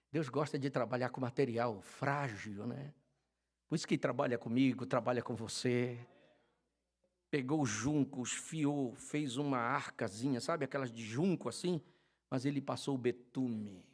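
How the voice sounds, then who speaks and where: An older Brazilian man preaching a sermon as a pastor, fervent, swinging from loud shouted calls to quiet storytelling. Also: mid-range voice. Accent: Brazilian Portuguese. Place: church.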